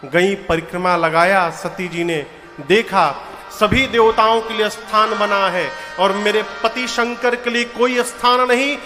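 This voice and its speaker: A man's voice: high voice, fairly even intonation, measured pace, big-room sound, music in the background. A man telling a devotional story as a sermon, with light humor and short sung verses. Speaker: kathavachak preacher. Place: large pavilion tent.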